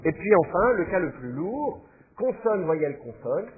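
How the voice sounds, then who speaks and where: A man's voice: high voice, big pitch swings, unhurried, phone-quality sound, a crowd in the background. A man teaching a class, explaining patiently and thinking aloud with fillers as he goes. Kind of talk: classroom lecture.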